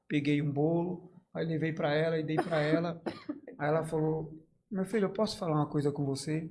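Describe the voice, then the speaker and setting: A man speaks as a guest on a podcast, recounting his own story in earnest, halting phrases full of restarts. His voice catches with emotion as he acts out what others said to him. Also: fairly high pitch, a little mellow. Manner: earnest, halting, with many restarts and quoted dialogue. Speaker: podcast guest, bakery founder.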